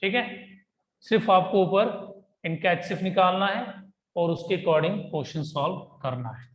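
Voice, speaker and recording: Young male math tutor, high voice, chatty classroom delivery, roomy echo. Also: moderate pace. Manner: chatty, repeats "ठीक है जी" and "भाई". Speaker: math teacher. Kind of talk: classroom-style math lesson. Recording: echoey room.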